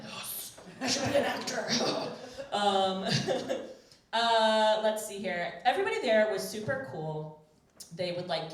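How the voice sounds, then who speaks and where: A woman hosting a live storytelling show, chatty and laughing often as she tells a story with lots of fillers. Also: fairly low pitch. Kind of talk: casual personal storytelling on stage. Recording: very roomy, voice from far off.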